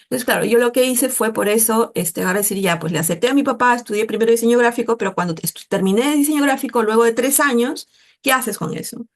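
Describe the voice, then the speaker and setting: A middle-aged Peruvian woman in a casual interview, talking in a chatty, animated way and often tagging her sentences with a questioning "¿no?". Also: fairly high pitch, fast. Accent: Peruvian Spanish. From Peru. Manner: chatty, animated, mimics voices in quotes, frequent "¿no?". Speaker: interviewee, artist.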